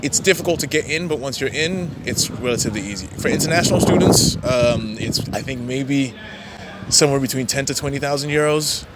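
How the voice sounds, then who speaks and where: A young man raised in the Netherlands answering street-interview questions in a relaxed, hesitant way. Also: mid-range voice, brisk. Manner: relaxed, hesitant with many ums and restarts. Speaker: interviewee, law graduate. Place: outdoors on a city street. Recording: outdoor street noise with traffic.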